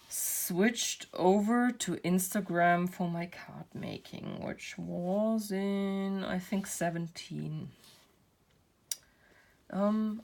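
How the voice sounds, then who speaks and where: A woman who hosts a craft channel, chatting casually while she works and rambling with self-deprecating laughs. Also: on the low side. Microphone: built-in camera mic.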